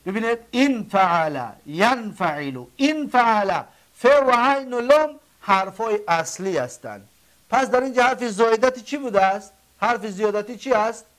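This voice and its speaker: A man with a Tajik accent teaching an Arabic grammar lesson, asking and answering his own questions and repeating word forms slowly. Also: very high voice, animated, a bit bright. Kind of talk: classroom lesson.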